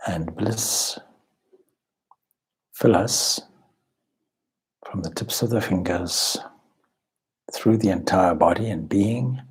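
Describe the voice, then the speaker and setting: A spiritual teacher guides a meditation in a deep, husky, breathy voice, calm and measured with deliberate pauses. The audio quality is poor.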